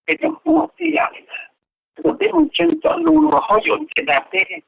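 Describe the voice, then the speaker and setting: Speaking at a normal speed, a man joins in the conversation on a telephone conference call. His very high, creaky voice moves through big pitch swings, heard over a dull, lo-fi line.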